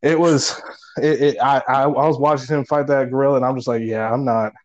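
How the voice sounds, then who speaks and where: A man chats about games in a loose, rambling way, swearing freely and breaking into laughs. His voice sits at an ordinary middle pitch. He comes through a remote call. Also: fairly even intonation, a little fast, dull audio. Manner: rambling, profane, laughs often. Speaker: podcast co-host. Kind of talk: casual gaming chat. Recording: call audio, at times garbled.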